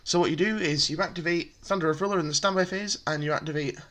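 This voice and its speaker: Man, slightly high voice, casual, chatty, lots of ums, step-by-step explaining. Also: fast talker, bright, forceful tone. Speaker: deck profile presenter. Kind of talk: casual card game explanation.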